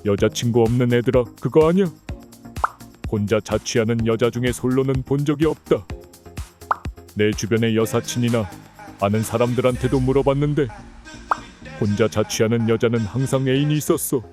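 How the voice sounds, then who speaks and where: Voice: moderate pace, long pauses, dark tone. 음성 변조로 피치를 아주 낮게 내린 목소리로, 온라인 게시글을 반말로 툭툭 읽어 준다. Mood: mocking. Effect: voice pitched far down. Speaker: reader of a forum post. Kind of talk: reading an online post aloud. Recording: voice with background music.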